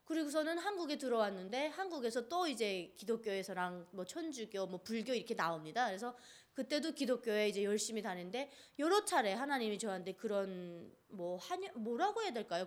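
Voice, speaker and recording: High-voiced woman from North Korea. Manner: earnest, vivid storytelling with many fillers. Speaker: speaker giving personal testimony. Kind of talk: emotional personal testimony.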